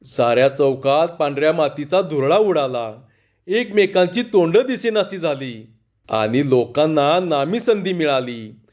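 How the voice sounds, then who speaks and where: A man narrating a humorous folk story in an expressive, lively storytelling style. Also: a little high, a little slow, muffled recording.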